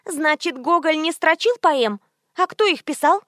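A woman putting on a bossy high-pitched socialite. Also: animated, a little slow, a bit bright, no room sound, clean studio sound. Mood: pushy. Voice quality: curt and demanding. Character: pushy, brash female socialite on the phone.

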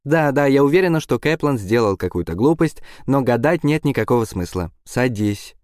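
A man's voice: mid-range voice, lively intonation, normal speed, darkish tone, dry recording, voice pushed up, natural voice. A man voicing a bossy teenage girl who orders others around with exasperation, in an audiobook. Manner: commanding, exasperated.

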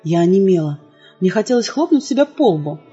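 A woman's voice: mid-range voice, sing-song, brisk, mellow, breathy edge. Woman narrating an audiobook emotionally. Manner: emotional, dramatic. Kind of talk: first-person audiobook narration. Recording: dull lo-fi sound with faint music.

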